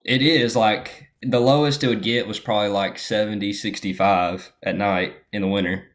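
A young American man, a guest in a casual chat, tells a story in a relaxed way with lots of fillers. His voice is lowish and his pace moderate.

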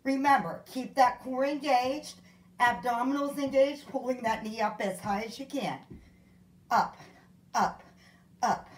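A woman's voice: fairly high pitch, unhurried, pauses often. A woman fitness instructor leading a kickboxing workout, counting out moves and calling out encouragement, out of breath. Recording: echoey room.

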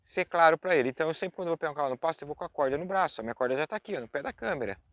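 A man's voice: fairly high pitch, expressive, very fast, no echo, muffled recording. A Brazilian man teaching horse handling in a pasture outdoors, chatty and talking straight to viewers with lots of tag questions. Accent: Brazilian Portuguese. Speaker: horse trainer. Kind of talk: outdoor instructional talk.

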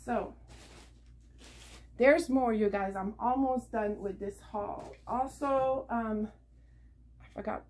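Middle-aged lady rambling about her yard sale haul, kinda high voice, camera on the table at home, lots of ums. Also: slow pace, long pauses, darkish tone. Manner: chatty and rambling, with many fillers and laughs. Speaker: vlogger showing a thrift haul. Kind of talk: casual chat to camera. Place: living room at home, indoors. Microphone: camera on a table nearby.

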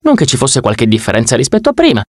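A man's voice: mid-range voice, wildly swooping pitch, quick pace, no echo. Man narrating an audiobook, dry studio sound. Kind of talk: scripted first-person narration.

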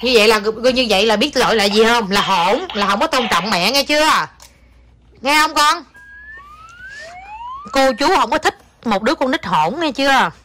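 A woman's voice: on the high side, lively intonation, moderate pace, long pauses, bright, forceful tone, a little hiss or hum. A mother at home talking to her young child, alternating between teasing and scolding, mixing in English words. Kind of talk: casual home video with child.

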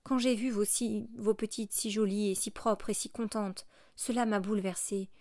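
A woman's voice: mid-range voice, fairly even intonation, normal speed, a little mellow, no room sound, studio quality, close to an everyday voice. A woman reading aloud as a poor young mother, earnest and pleading.

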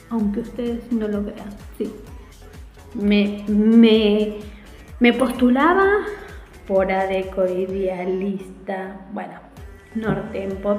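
A woman in her forties with an Argentine Spanish accent, telling her story to camera in a casual, animated vlog from a small room at home. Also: mid-range voice, echoey room, rough recording. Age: 40s. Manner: animated, chatty, gestures a lot with her hands. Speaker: vlogger.

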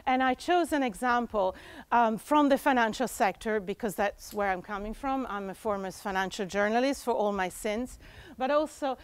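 A woman's voice: on the high side, normal speed, clear, resonant tone, dry recording. A woman in her forties from Italy giving a conference presentation, talking with frequent fillers and restarts, on a lapel mic in a conference room. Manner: animated, many fillers and restarts. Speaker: conference speaker.

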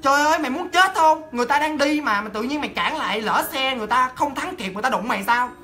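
A man voicing an angry middle-aged bus driver who scolds loudly, over music. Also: very high-pitched, fast, gravelly, full character voice. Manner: shouting, scolding. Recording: music underneath.

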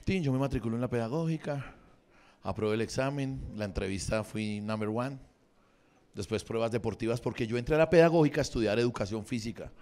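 His voice mid-range and a little mellow, the Bogotá-accented comedian in his forties talks fairly quickly as he riffs crudely with his live audience. It's improvised crowd work at a comedy venue.

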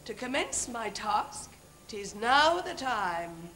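An older English actress playing a kindly, stately fairy godmother in a stage pantomime, declaiming rhymed narration in a grand, measured way. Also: fairly high pitch, very animated, pushed and bright, full character voice. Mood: grand, mysterious. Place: theatre stage. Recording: amateur videotape of stage show, music underneath.

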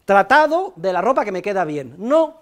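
A middle-aged man from Spain with a Spanish accent, giving a university economics lecture in a classroom, lively, repeating key points and tagging phrases with a questioning "eh". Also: high voice, moderate pace. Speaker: economics professor.

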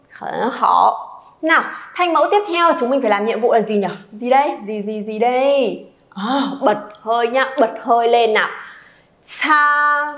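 A woman teaching Chinese pronunciation, modelling each sound and encouraging learners to repeat after her. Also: on the high side. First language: Vietnamese. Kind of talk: pronunciation drill lesson.

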